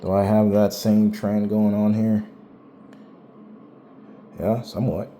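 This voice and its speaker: A man's voice: on the low side, level tone, takes it slowly, warm tone, slight background noise. A man casually walking through his own hardware benchmark results, talking in a loose, rambling way with slang and some swearing. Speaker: tech channel host.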